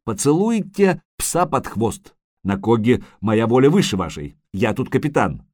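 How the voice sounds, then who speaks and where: A man playing a blunt, gruff middle-aged sea captain who talks in a defiant, mocking way. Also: medium pitch, very animated, measured pace, a little mellow, no room sound, clean studio sound.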